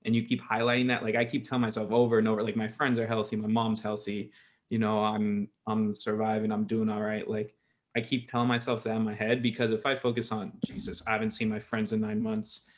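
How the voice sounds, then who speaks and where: Low-voiced young man rambling casually. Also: monotone, fairly quick. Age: 20s. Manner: rambling, self-correcting, laughs easily. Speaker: podcast host. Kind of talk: casual chat.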